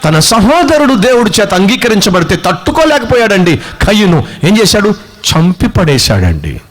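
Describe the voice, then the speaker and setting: Brief: male preacher, high-pitched, forceful sermon delivery with rhetorical questions. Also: sing-song, moderate pace.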